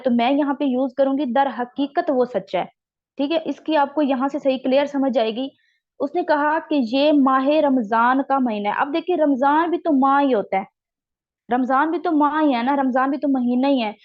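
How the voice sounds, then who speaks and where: A woman teaching a recorded exam-prep lecture, explaining slowly and checking in with her students after each point. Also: sits high. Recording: dull lo-fi sound.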